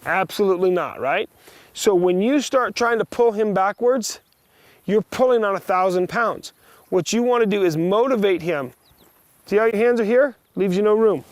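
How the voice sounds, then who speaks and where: A man teaching a riding lesson, giving brisk, projected commands in short directives along with plain, practical explanation. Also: high voice, no echo. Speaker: horse riding instructor. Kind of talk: hands-on riding lesson, instructing a student.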